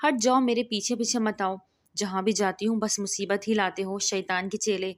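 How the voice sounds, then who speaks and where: A woman's voice: medium pitch, fairly even intonation, lightly acted. A woman reading the lines of an exasperated young woman scolding a prankster in a storybook. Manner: scolding, sharp-tongued.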